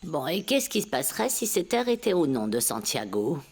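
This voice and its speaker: A woman's voice: low voice, sing-song, moderate pace, darkish tone, a little hiss or hum. An actress dubbing a haughty young woman who owns land, cool and dismissive. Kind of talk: dubbed telenovela acting.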